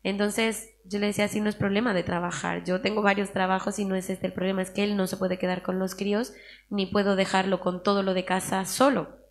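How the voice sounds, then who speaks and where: Woman guest on an interview, monotone voice, going through what was said step by step. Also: mid-range voice, fairly quick. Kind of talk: recounting a personal story.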